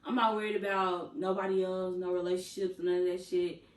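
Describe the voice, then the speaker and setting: A woman's voice: lowish voice, level tone, a little fast. A woman of twenty-eight talking bluntly and casually, profane and matter-of-fact. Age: 20s. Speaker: guest co-host. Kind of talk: casual chat. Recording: roomy, distant mic with faint noise.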